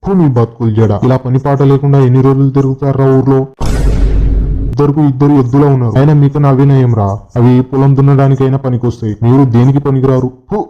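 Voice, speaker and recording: A man's voice: mid-range voice, flat delivery, fast, lo-fi sound, soft background music, natural voice. A middle-aged man playing a village father who scolds his son's idle friend with contempt. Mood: scornful.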